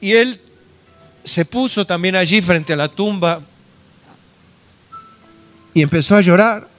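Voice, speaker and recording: A man's voice: high voice, slow, faint music behind. A male pastor with an Argentine accent giving an earnest sermon and often calling his listeners brother. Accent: Argentine Spanish.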